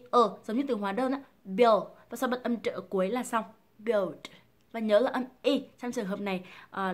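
A woman from Vietnam teaching English pronunciation, explaining patiently and drilling single sounds and words slowly and clearly. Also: a little high. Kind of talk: pronunciation lesson.

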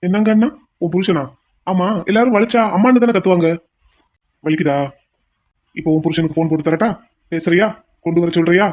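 A man's voice: high voice, steady tone, brisk, long pauses, a little mellow, slight background noise, natural voice. A man voicing a cruel male kidnapper in a cartoon drama, taunting and threatening his captive with mocking questions. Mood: menacing.

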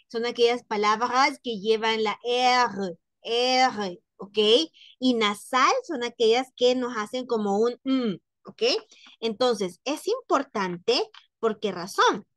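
A woman teaching a French class to Spanish-speaking students over a video call, patient, slowly repeating words and explaining pronunciation. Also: a little high, a bit bright, no room sound, studio quality.

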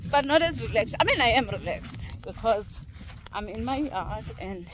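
A woman's voice: on the high side, animated, normal speed. A middle-aged South African woman chatting casually while she walks her farmland, filming herself with a phone held at arm's length. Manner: chatty, rambling asides, laughs easily. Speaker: vlogger. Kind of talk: casual walking vlog. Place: outdoors on dry rural farmland, windy. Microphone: handheld phone at arm's length. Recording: outdoor wind and ambient noise.

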